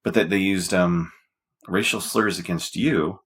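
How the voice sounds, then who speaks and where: A man's voice: low voice, measured pace, a bit bright, slightly rough. A man hosting a casual podcast chat, making his points emphatically and often checking for agreement. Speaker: podcast host.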